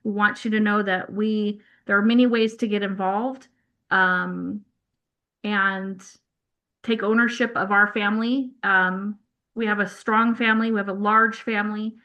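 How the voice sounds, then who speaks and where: A woman presenting as a family newsletter editor on a video call, halting and self-conscious, with many fillers and apologies. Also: mid-range voice, steady tone, dull audio.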